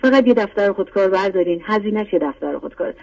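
A woman's voice: medium pitch, lively intonation, darkish tone. A middle-aged woman calling in, giving an earnest, heartfelt testimony and urging listeners on. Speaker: caller. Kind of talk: call-in testimony. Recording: dull lo-fi phone line.

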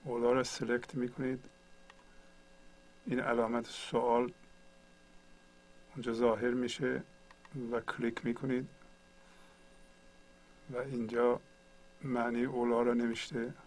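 A man's voice: mid-range voice, little pitch movement, long pauses, a little mellow, poor audio. A man teaching a computer tutorial, patiently explaining each step one at a time. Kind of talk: screen-share tutorial.

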